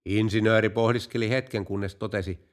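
A man's voice: on the low side, fairly even intonation. A man hosting a podcast and telling jokes, narrating in a playful, storytelling way. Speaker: podcast host.

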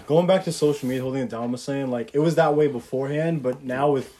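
A man's voice: medium pitch, quick pace, dark tone. A young man co-hosting a casual podcast chat, talking emphatically with frequent swearing. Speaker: podcast co-host.

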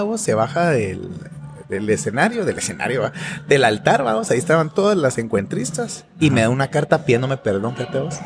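Guatemalan man, professor guest; swooping lively delivery, pitched a bit high, casual slang, easy laughter. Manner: animated, slangy, laughs often. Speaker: podcast guest, university professor. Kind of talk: casual storytelling conversation.

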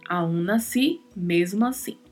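Brazilian-Portuguese woman teaching, slightly husky. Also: lowish voice, darkish tone, soft background music. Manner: slow, careful spelling-out of words and sounds. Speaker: podcast host and Spanish teacher. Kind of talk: scripted language lesson.

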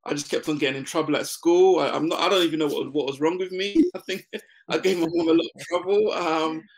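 In a casual interview, a Ghanaian man in his forties who founded a business talks quickly in a slightly high voice. He's laid-back, laughs a lot, and uses many fillers.

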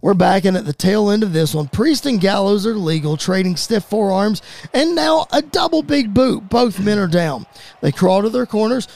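High gravelly man calling wrestling. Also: dry recording. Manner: rapid-fire call that rises to excited shouts at big moments. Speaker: play-by-play commentator. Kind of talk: fantasy wrestling commentary.

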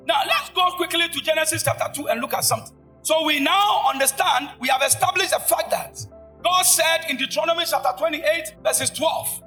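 A man preaching a sermon in church, shouting and calling out to his congregation. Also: very high voice, brisk, soft background music. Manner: shouting, call-and-response preaching. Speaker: pastor. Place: church service.

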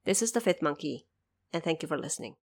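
Speaking quickly in a low, creaky, sing-song voice, this podcast host reads scripted explanations. Now and then she turns to the audience with casual asides.

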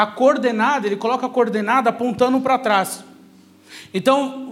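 Speaking in a very high-pitched voice, this man delivers a sermon through his own testimony in a Brazilian São Paulo accent. His tone is conversational but forceful, and he repeats key phrases to drive them home.

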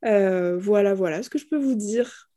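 A woman's voice: medium pitch, normal speed, mellow. A woman in her twenties from Morocco, a guest in a casual podcast discussion, speaking thoughtfully with many hesitations. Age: 20s.

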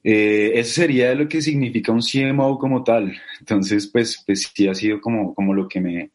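A man's voice: on the low side, moderate pace. A man with a Bogotá Colombian accent, speaking as an interview guest in a casual, hesitant way with many fillers. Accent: Bogotá Colombian Spanish. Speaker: guest, company co-founder.

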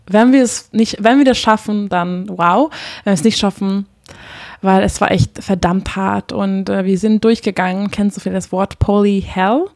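A woman's voice: mid-range voice, fairly even intonation, moderate pace, a little mellow, no room sound. A woman talks about her life in an open, heartfelt, chatty way, stumbling and restarting often. Her voice sits in the middle register. It is recorded close and dry, with no room sound. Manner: open, emotional, chatty with frequent fillers. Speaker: podcast guest, couples therapist. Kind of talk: casual heartfelt conversation.

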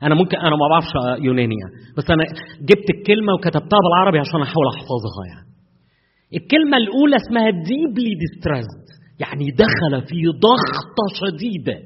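A man's voice: high voice, breathy edge. A man preaching in Egyptian Arabic, in an earnest, colloquial way with many fillers and sudden emphatic rises. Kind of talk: conversational sermon. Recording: echoey hall, dull lo-fi sound.

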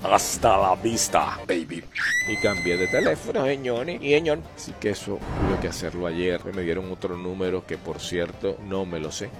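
A man's voice: sits low, normal speed, hardly any pauses, over loud music. A man vlogging as he drives his truck, chatting casually and joking, sometimes slipping into voices. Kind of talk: casual chat while driving. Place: truck cab on the road. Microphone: camera mounted in the cab.

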